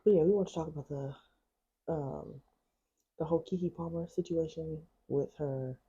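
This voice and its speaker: Husky, dark-voiced woman chatting quietly. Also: sits low, normal speed, muffled recording. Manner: talking quietly late at night. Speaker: podcast co-host. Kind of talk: casual chat. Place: home, at night. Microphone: podcast mics.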